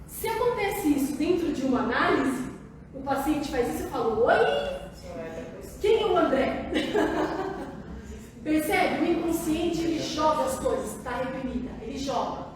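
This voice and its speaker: A woman's voice: sits high, expressive, normal speed, a crowd in the background. A Brazilian woman psychoanalyst giving a conversational public talk, often asking the audience questions. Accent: Brazilian Portuguese. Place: large meeting hall. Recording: very echoey hall, voice far from mic.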